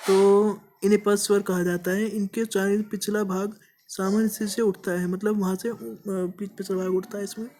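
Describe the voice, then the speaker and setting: A woman's voice: mid-range voice, little pitch movement, normal speed, dark tone, a little hiss or hum. A woman teaching a grammar lesson, explaining step by step, often checking in with "okay" and drawing out vowel sounds as examples. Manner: repeats points with frequent "ठीक है" checks.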